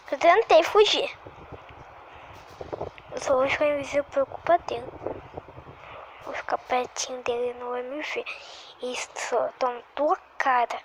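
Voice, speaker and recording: A woman talks through her gameplay in a high voice, breaking into little cries and sighs as things happen. She speaks in an unhurried way despite the excitement, and the home recording carries a clear layer of background noise. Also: low-quality recording. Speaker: gaming video creator. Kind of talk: live gameplay commentary.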